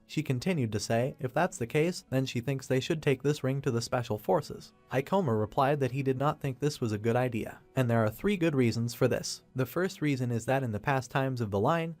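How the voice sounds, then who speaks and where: Male narrator, scripted recap read, steady and even, mid-pitched voice, faint music underneath. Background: faint background music.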